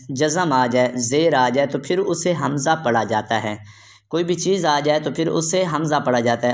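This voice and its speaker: A male Quran teacher giving a tajweed lesson. He spells out syllables one at a time, asks how each word is read, and then answers with slow, drawn-out melodic recitation. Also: fairly high pitch. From Pakistan.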